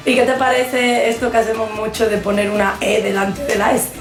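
A woman's voice: fairly high pitch, flat delivery, brisk, echoey room, over music. A woman, explaining English mistakes in a casual co-hosted lesson, teasing her partner. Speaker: co-host teaching English.

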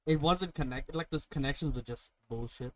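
A man's voice: mid-range voice, moderate pace, a bit bright. A man hosting a podcast, chatting casually and telling stories with plenty of swearing. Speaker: podcast host. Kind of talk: casual chat.

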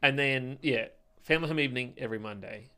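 A man's voice: mid-range voice, fast, bright, forceful tone, clear, resonant tone. A man co-hosting a podcast, chatting casually, full of fillers and often ending with "right?". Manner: chatty, filler-heavy, ends lines with "right?". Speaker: podcast co-host. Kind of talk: casual chat.

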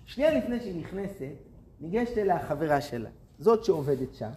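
A man's voice: on the high side, very animated, dark tone. A man giving a storytelling talk to young people, speaking animatedly and addressing them directly. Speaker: speaker to youth. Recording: roomy with faint noise.

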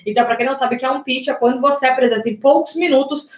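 A Brazilian woman mentor giving an energetic online class, talking straight to her viewers and asking them rhetorical questions. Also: high-pitched, racing, roomy sound. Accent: Brazilian Portuguese. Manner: energetic, addresses audience as "gente", asks rhetorical questions. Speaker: business and communication mentor.

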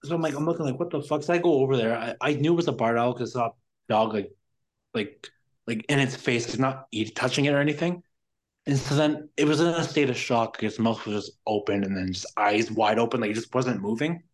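A man's voice: medium pitch, fairly quick. Rambling, exasperated man telling a story. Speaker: podcast guest. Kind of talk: casual storytelling.

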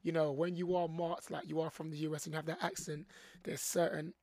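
A man's voice: fairly high pitch, flat delivery, fairly quick, warm tone, no room sound, studio quality. A man hosting a podcast interview, affirming his guest often and repeating words as he gathers his thoughts. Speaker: podcast host, coach.

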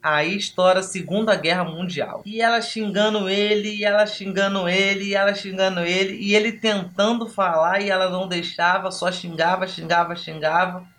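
A man hosting a podcast who tells a story in a lively way and acts out the dialogue. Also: high voice, normal speed, hardly any pauses. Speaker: podcast host and trainer. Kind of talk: storytelling talk.

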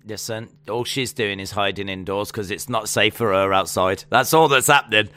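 A man's voice: on the low side, normal speed, pushed and bright, dry recording. A man co-hosting a podcast in casual chat, teasing his co-host with dry, mock-serious banter.

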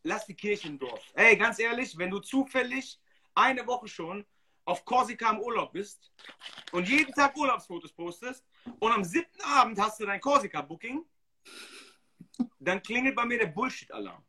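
A man's voice: high-pitched, animated, moderate pace, sharp tone, breathy edge. A man hosting a casual livestream podcast, talking bluntly and emphatically with plenty of slang. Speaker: DJ and podcast host.

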